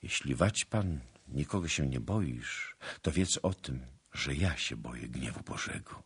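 A man's voice: extremely low pitch, expressive, measured pace, slightly rough, full character voice. A man voicing a stern, righteous young noblewoman in an audiobook, grave and reproachful.

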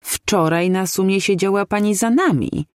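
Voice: mid-range voice, normal speed, no echo, studio quality, pitched above the performer's own voice, close to an everyday voice. A reader voicing an older woman who answers curtly and tartly, short on patience. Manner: curt, tart. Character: older woman, sharp, impatient neighbour.

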